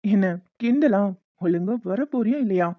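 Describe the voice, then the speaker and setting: A woman's voice: mid-range voice, animated, dry recording, dull audio, close to an everyday voice. A woman voicing a teasing young cartoon husband. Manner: fast, coaxing banter. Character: teasing young newlywed husband, playful and persistent. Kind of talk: cartoon voice acting.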